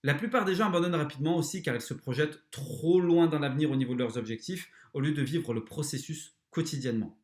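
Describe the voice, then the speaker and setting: Brief: male podcast host, slightly high voice, blunt and crude motivational talk, echoey room. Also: fast talker, hardly any pauses. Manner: blunt, crude, talks straight to the listener. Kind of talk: motivational self-help talk.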